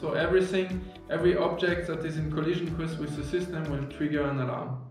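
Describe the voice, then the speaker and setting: Man in his 30s, slightly high voice, halting and earnest, very echoey office, faint music behind. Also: fairly even intonation. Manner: halting, many restarts and fillers, earnest. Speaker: engineer and founder of a marine detection product. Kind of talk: explaining a product to camera. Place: office room, indoors.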